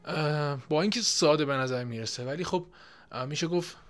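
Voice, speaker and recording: A young man from Iran teaching an exam-prep lesson in a casual, explanatory way, often pausing with fillers. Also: on the high side. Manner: explanatory, with frequent filler pauses. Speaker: IELTS teacher.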